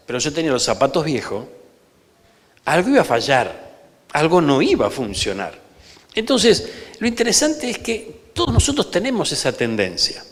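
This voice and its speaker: A man with an Argentine Rioplatense accent, a pastor preaching an emphatic sermon in a church and often calling for amens. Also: a little high. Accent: Argentine Rioplatense Spanish. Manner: emphatic preaching, peppered with calls for amen. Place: church sanctuary. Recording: reverberant church hall.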